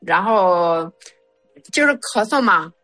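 A young woman chatting casually and haltingly, with a slight thick-tongued lisp from wearing dental braces. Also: fairly low pitch, animated, a bit bright, soft background music, low-quality recording. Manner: slow, halting delivery. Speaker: guest sharing study experience. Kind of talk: casual chat.

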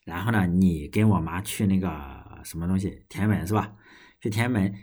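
A man's voice: sits low, a little fast, a little mellow, slightly rough. A young Chinese man talking casually and at length on his own podcast, rambling with restarts and the odd curse. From China. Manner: rambling, frequent restarts and swearing. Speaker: podcast host. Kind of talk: casual solo podcast monologue.

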